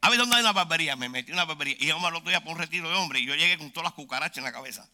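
A man of about sixty preaching a humorous sermon, joking with the crowd and swinging between loud outbursts and low asides. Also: rapid-fire.

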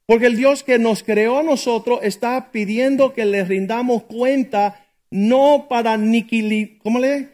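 A man's voice: very high voice, unhurried, darkish tone. A middle-aged male pastor preaching a sermon in a conversational way, asking his listeners rhetorical questions.

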